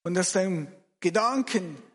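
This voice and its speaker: A man preaching, guiding his listeners through a story in a slow, expressive voice that swings between loud and hushed. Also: sits high, long reverb tail. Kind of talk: guided imaginative sermon.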